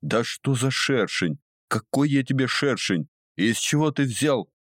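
A man voicing a brash, impatient male businessman prisoner who fires off blunt, quick-tempered questions. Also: low-pitched, no echo, studio quality, natural voice. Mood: indignant.

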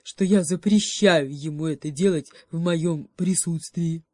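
A woman voicing a smug, cowardly male bear guarding a forest path in a storybook, speaking loudly and boastfully. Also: lowish voice, measured pace, no echo, studio quality. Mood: gruff.

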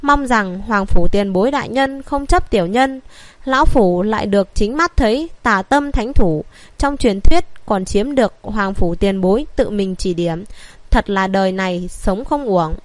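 A woman's voice: medium pitch, measured pace, no room sound, lightly acted. A woman reading an audiobook voices an old male physician who begs forgiveness in an overexcited, humble rush. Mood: excited, humble. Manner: breathless, humble pleading.

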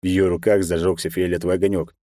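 A man's voice: low voice, little pitch movement, quick pace, mellow, no room sound, clean studio sound. A man narrating a fiction audiobook in the first person, reading steadily and expressively.

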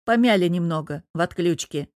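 A woman reading an audiobook and voicing a cool-headed young gunman who speaks in a hushed, terse way. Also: fairly low pitch, moderate pace, no room sound, studio quality, natural voice. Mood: curt.

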